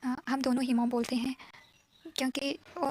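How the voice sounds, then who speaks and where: A woman's voice: sits high, flat delivery, normal speed, a little mellow, a little hiss or hum, lightly acted. A woman voicing a nervous young woman who hides a secret and speaks hesitantly. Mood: flustered. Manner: hesitant, flustered.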